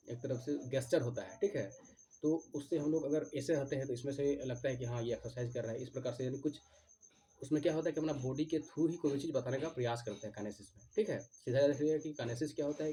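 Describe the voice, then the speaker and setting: Man lecturing, dark voice. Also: medium pitch, a little hiss or hum. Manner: repeats key terms slowly, often adds "theek hai". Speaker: teacher. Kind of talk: exam-prep lecture mixing Hindi and English.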